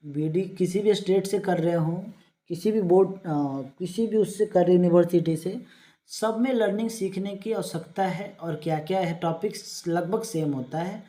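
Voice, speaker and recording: A teacher giving an exam-prep lecture, reading English definitions slowly and then explaining them in Hindi with everyday examples, in a loose, rambling delivery with frequent restarts. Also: mid-range voice, mellow.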